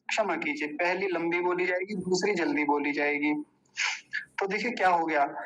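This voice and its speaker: A man with a somewhat high voice leads a recitation lesson, spelling out a mantra syllable by syllable at an unhurried pace. He repeats each word slowly and corrects common slips as he goes. The sound has a slight radio-like quality. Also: fairly bright tone, slight background noise, low-quality recording. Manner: slow, careful syllable-by-syllable pronunciation drills. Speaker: Sanskrit mantra teacher.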